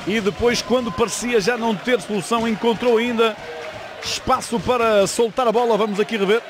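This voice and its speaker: Male play-by-play commentator, European Portuguese accent, very high excited voice, fast dramatic delivery, loud arena crowd behind. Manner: dramatic, bursts into drawn-out excited goal calls. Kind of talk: fast dramatic live roller hockey commentary. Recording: loud crowd noise in sports hall. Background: crowd and arena noise.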